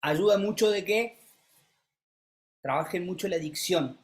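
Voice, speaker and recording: A speaking coach, teaching a live masterclass and calling on students by name, who keeps changing pitch and pace to show what is meant. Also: unhurried. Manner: demonstrative, shifts pitch and pace to illustrate; coaxing, calls on students by name.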